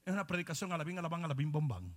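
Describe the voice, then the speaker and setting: A man's voice: a little high, big pitch swings, racing, in a large hall. A man pastor preaching a sermon in a challenging, confrontational way.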